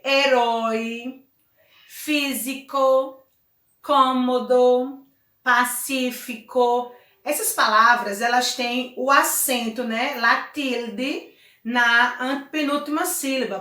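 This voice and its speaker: A Brazilian woman teaching a Spanish lesson, her voice bright and clear and a little high for a woman. She talks slowly and patiently, dwelling on each example word. The room gives her voice a noticeable echo. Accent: Brazilian Portuguese. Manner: friendly, chatty explaining with frequent "tá?" and "né?"; slows down to spell out example words. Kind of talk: recorded remote class lesson.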